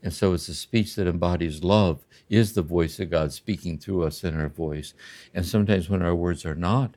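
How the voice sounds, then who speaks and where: An older man in a slow, contemplative spiritual conversation, often checking in with "See?". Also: sits low, vocal fry, a little mellow. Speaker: podcast host and spiritual teacher.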